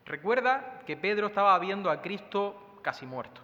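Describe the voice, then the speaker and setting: Man, Spain Spanish accent, sunday sermon, conversational, rhetorical questions, slightly high voice, muffled lo-fi sound. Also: animated, moderate pace, sharp tone, in a large hall. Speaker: pastor preaching. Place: church.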